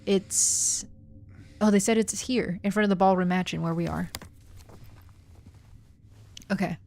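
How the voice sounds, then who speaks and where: A woman's voice: medium pitch, steady tone, a little slow, creaky, a little mellow. A woman in her twenties giving casual live gameplay commentary, chatty and giggly, talking to herself and her chat. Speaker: game streamer. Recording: game music faint behind.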